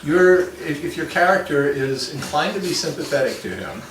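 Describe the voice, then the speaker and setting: A man's voice: on the high side, lively intonation, moderate pace. A man coaching actors through a scene, giving thoughtful notes that he often restarts. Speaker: acting coach. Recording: echoey room from a distance, noisy.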